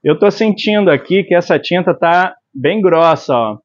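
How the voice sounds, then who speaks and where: A Brazilian man in his forties teaches screen printing in his workshop, explaining each step while mixing inks and checking in with viewers through tag questions like "tá?". His high-pitched voice is animated at normal speed, captured on a lapel mic with slightly dull lo-fi sound.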